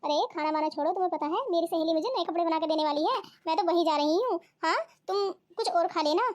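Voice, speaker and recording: A whiny, scheming young cartoon wife who grumbles about her poor life, voiced by a woman. The voice sits very high. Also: quick pace. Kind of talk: cartoon voice acting.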